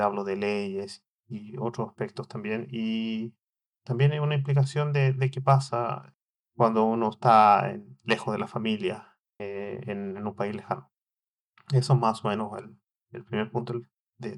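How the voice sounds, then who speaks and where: A man's voice: lowish voice, little pitch movement, normal speed. A man, hosting a solo podcast in a hesitant way, with many fillers and restarts. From Chile. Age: 40s. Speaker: podcast host.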